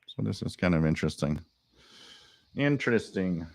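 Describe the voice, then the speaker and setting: A man with a deep voice and vocal fry hosts a live radio stream, thinking aloud in casual commentary at a moderate pace. He repeats himself and breaks into excited bursts over strange signals, and the recording is dry.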